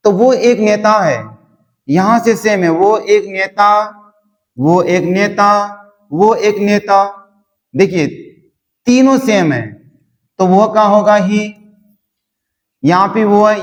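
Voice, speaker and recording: A man teaching a spoken English lesson, repeating words over and over as he drills his class. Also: high-pitched. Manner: slow, repetitive drilling. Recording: long hall reverb.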